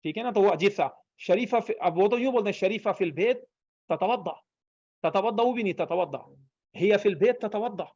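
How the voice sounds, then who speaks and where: A man's voice: sits high, animated, creaky, a little mellow, lo-fi sound. A man teaching an online language class, patiently repeating phrases for students to copy. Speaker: Arabic teacher.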